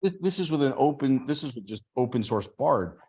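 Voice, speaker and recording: A man hosting a casual video call, talking in an animated way and acting out sample sales pitches. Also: fairly quick, breathy edge.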